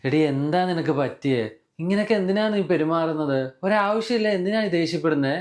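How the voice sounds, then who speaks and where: A woman playing a gruff scolding husband. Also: low-pitched, fairly quick, darkish tone, a little hiss or hum, pitched below the performer's own voice, natural voice. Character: irritated husband, adult man.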